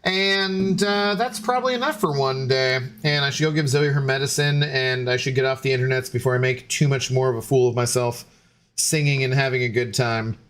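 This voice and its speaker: A young, tipsy game streamer chats loosely with his viewers, rambling through plenty of fillers and restarts. His mid-range voice is fairly quick and fairly bright.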